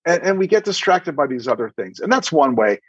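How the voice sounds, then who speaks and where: A middle-aged dentist and practice coach, appearing as a podcast guest, gives emphatic conversational advice with anecdotes and acts out imagined dialogue. His voice is a little high, sing-song, brisk and husky, in a dry, lo-fi recording.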